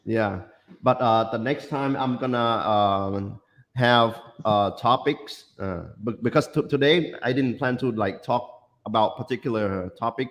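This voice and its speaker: A man's voice: mid-range voice, unhurried. A man from Thailand with a Thai accent, hosting a casual livestream chat and talking with many fillers and restarts. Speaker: livestream host.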